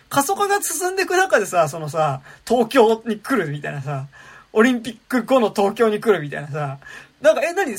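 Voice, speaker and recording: A man talks fast and rambles through a casual podcast chat, circling back on himself with fillers and restarts. His pitch swings widely as he goes, and he slips into laughing asides. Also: fairly bright tone. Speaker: podcast panelist. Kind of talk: casual chat about a film.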